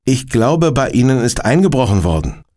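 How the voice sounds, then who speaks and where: A man voicing a shrewd, polite police inspector in a children's radio play, talking briskly. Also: medium pitch, very animated, darkish tone, voice pushed up, close to an everyday voice. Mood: urgent. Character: shrewd middle-aged male police inspector.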